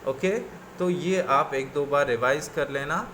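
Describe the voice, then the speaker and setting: Slow patient male teacher reciting forms. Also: fairly high pitch, background noise. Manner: mixes English words into explanations. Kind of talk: coaching class lesson.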